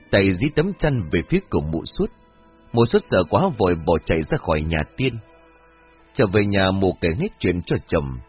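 A man narrating a scripted horror story in a dramatic, expressive way. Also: low-pitched, slightly rough. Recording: dull lo-fi audio with faint music.

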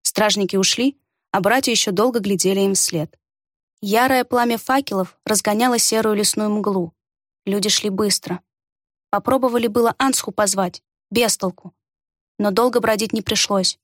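A woman narrating a fantasy story in an even storytelling delivery. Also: mid-range voice, moderate pace, dry recording, clean studio sound. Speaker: audiobook narrator. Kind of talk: scripted narration.

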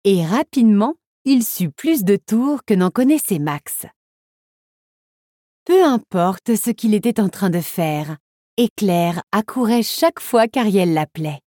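A woman's voice: mid-range voice, animated, slow, dark tone, no echo, clean studio sound. Woman reading a children's storybook. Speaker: narrator.

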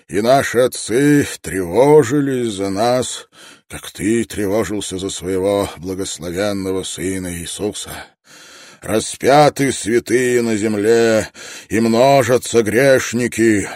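An elderly preacher praying aloud, slow and solemn, with rising fervour, as a male narrator puts him on. The voice sits a little higher than the reader's own low register, recorded dry. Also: darkish tone, no room sound. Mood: solemn fervent.

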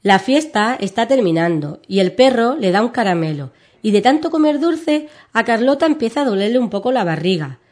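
A woman, reading a children's story aloud as a radio guest, soft-spoken and lively. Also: on the high side, fairly quick.

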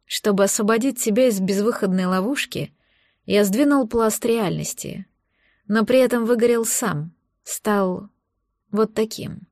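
A woman voicing a blind, wounded male elf in an audiobook, speaking softly, slowly and tenderly. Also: high-pitched, no echo, clean studio sound. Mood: weary. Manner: soft, slow, tender.

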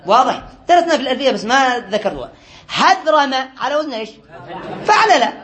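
A man's voice: extremely high pitch, expressive, racing, fairly bright tone, a faint crowd. A man teaching a class, going over quiz answers patiently and asking often whether everyone follows, with a light touch. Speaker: teacher of Arabic grammar. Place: classroom with a board.

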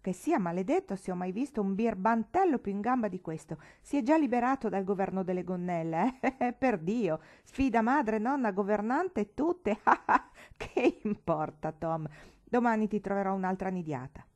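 Woman reading as a loud laughing country uncle, coarse, jovial, boisterous, audiobook, mellow tone. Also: medium pitch, expressive, fairly quick, natural voice. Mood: mocking glee.

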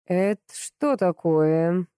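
A gruff, growling boss, blunt and domineering, as a woman narrator puts him on. The voice is mellow and dark, dry and close to the mic. Audiobook character reading. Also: on the low side, normal speed, no echo, natural voice. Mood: furious. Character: angry blunt rich man, domineering boss.

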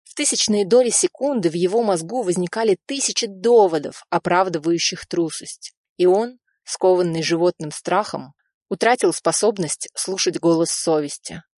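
A woman narrating an audiobook in an even, measured reading. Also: lowish voice, no echo, studio quality.

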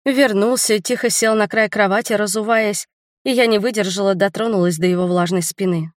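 A woman narrating a novel in the first person with a steady, even reading. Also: mid-range voice, brisk, no echo, studio quality. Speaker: audiobook narrator.

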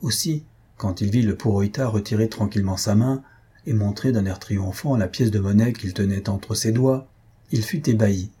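Husky low-voiced male narrator. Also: moderate pace, warm tone. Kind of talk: audiobook narration.

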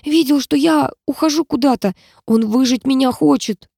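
Lady doing a high squeaky nervous student boy, squealing in a panic, in a storybook. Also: normal speed, creaky, mellow, breathy edge, no echo, clean studio sound, full character voice. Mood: panicky. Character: nervous skinny young male alchemist student.

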